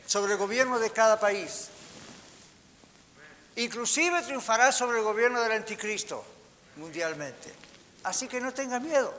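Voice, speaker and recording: A man's voice: very high-pitched, a bit bright. A man preaching a sermon as pastor, asking the congregation rhetorical questions. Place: church hall. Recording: hall reverb with faint hiss.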